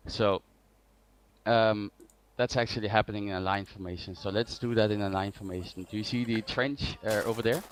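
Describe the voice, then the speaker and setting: Speaking at a normal speed in a steady, fairly low voice, an armored vehicle drill instructor runs an informal tactical briefing in an online game's voice chat. He hesitates and goes back over points to stress them, against faint noise with clicks.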